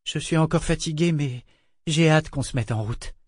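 A man's voice: on the high side, moderate pace, husky, no echo, clean studio sound, pitched above the performer's own voice. A man voicing a tired, stubborn young woman ship captain in an audiobook, speaking in an earnest, tense way.

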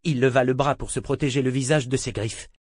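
A man narrating an audiobook in a measured, even storytelling manner on a close studio mic. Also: mid-range voice, no echo.

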